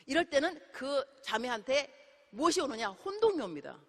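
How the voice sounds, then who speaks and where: A middle-aged woman missionary preaching a sermon in a church, telling stories in an animated way and acting out the dialogue. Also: sits high, moderate pace. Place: church sanctuary. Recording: long hall reverb.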